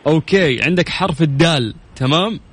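A man's voice: a little high, expressive, brisk, a bit bright, slight background noise. A man with a Saudi accent hosting a radio call-in quiz, teasing callers and laughing often. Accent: Saudi Arabian.

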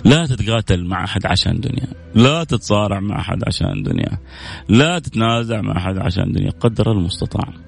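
A man's voice: lowish voice, fast, vocal fry. A man hosting a religious program, giving an earnest sermon-style talk and repeating phrases to drive his points home.

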